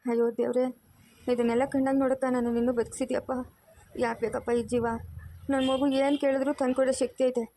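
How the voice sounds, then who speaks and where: A woman's voice: high-pitched, level tone, quick pace, gravelly, mellow. A woman voicing a tender, fretful village grandmother in a cartoon, soothing a child in a rural Kannada accent from the Chikkaballapur region. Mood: lamenting. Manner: coaxing, soothing. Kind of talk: cartoon voice acting.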